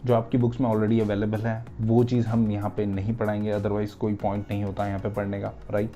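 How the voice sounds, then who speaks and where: A man's voice: on the low side, level tone, fairly quick, dark tone, soft background music. A male teacher gives an explanatory English grammar lecture in Hindi mixed with English, and often checks in with "right?".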